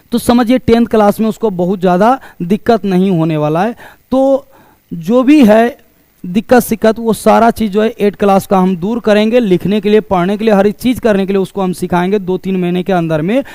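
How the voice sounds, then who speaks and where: A man giving a promotional pitch for coaching classes as a teacher, explaining things repetitively. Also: normal speed, warm tone, clear, resonant tone, dry recording. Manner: explanatory, repetitive, asks questions and answers them himself.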